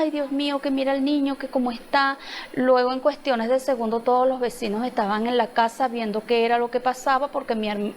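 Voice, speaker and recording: A middle-aged woman giving a personal testimony in church, telling her story with emotion, often halting and restarting and acting out the dialogue. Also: on the high side.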